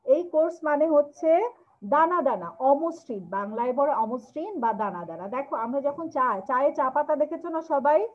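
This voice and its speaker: A woman teaching English vocabulary to children, explaining words and drilling them with slow, drawn-out repetitions. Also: high voice, lively intonation. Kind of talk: classroom lesson explaining vocabulary. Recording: tinny lo-fi phone-like recording.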